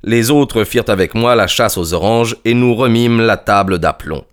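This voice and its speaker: A man narrating a classic detective story as an audiobook, in a measured, steady way. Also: fairly low pitch. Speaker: audiobook reader.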